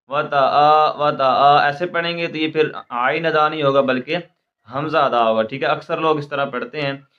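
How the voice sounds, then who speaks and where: A man teaching Quran recitation, spelling out letters and syllables slowly, then explaining quickly and checking in with "theek hai" often. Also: medium pitch, lo-fi sound.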